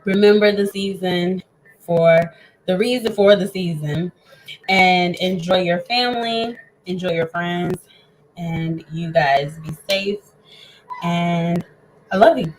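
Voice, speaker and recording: A woman's voice: on the low side, fairly even intonation, slow pace, slight background noise, rough recording. A woman hosting a casual home cooking show, chatting eagerly with her viewers as friends while she eats with her mouth full. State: eating, talking with mouth full.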